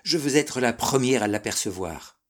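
A man voicing an eager young bride-to-be in a read-aloud story, teasing and lively, pitched up a little from his own reading voice. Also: normal speed, lightly acted.

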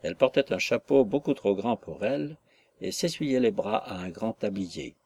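A male audiobook narrator reads in a measured, literary style. His low, somewhat breathy voice holds steady across long descriptive passages.

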